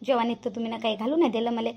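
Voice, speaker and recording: A woman's voice: on the high side, fairly even intonation, rapid-fire, vocal fry, darkish tone. A woman voicing a touchy elderly village woman in a cartoon, indignant and scolding. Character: touchy elderly village woman Shantabai, proud of her dress. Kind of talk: cartoon voice acting.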